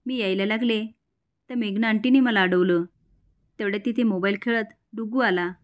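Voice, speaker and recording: A woman's voice: mid-range voice, steady tone, moderate pace, natural voice. A woman voicing a spiteful, jealous young woman, reading her lines out plainly within a recap. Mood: indignant.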